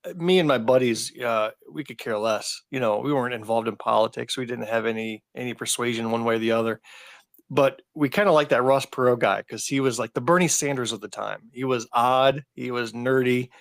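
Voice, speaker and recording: A man's voice: mid-range voice, fairly quick, vocal fry, no echo, clean studio sound. A man in his fifties, co-hosting a podcast in casual chat and telling rambling, anecdotal stories. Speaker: podcast co-host.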